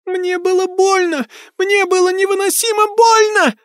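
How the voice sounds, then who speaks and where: A man's voice: extremely high pitch, level tone, a little slow, a bit bright, dry recording, studio quality, pitched above the performer's own voice. A man voicing the cruel, vengeful ghost of a young girl who shrieks and taunts. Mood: shrieking.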